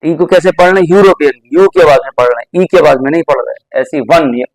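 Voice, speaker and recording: A man's voice: on the high side, brisk, no room sound, low-quality recording. A man teaching English grammar, explaining step by step and repeating examples patiently. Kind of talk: classroom grammar lesson.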